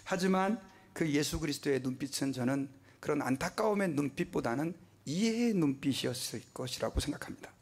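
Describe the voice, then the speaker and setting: Man preaching a sermon, a bit high voice, gravelly and husky, gets quiet and whispery sometimes. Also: lively intonation, fairly quick, few pauses. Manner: impassioned, asks the congregation questions, drops to a whisper. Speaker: pastor.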